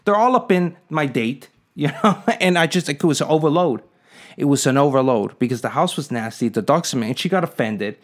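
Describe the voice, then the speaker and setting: A man speaks casually to the camera in a somewhat high voice. He rambles, sounds indignant and keeps asking his viewers to weigh in. He drops in jokey asides and little chuckles as he goes. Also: lively intonation, normal speed. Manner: indignant, rhetorical, asks the viewers for their opinion. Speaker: vlogger.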